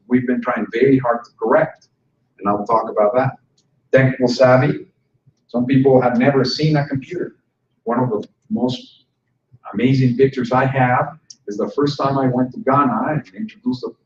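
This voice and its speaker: This conference talk features a man presenting conversationally to instructors, now and then joking with them, in a conference room. He speaks at normal speed in a medium-pitched, slightly mellow voice. The audio has a roomy hall sound from a far-off mic, dull and slightly noisy.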